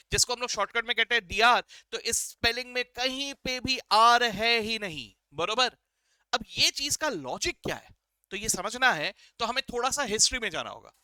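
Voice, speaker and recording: A male accounting teacher with a high, very bright voice, teasing his viewers with quiz questions and answering for them. He slips English phrases into his lecture. The sound is clean and dry, close to the mic. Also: dry recording. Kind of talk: classroom-style lecture.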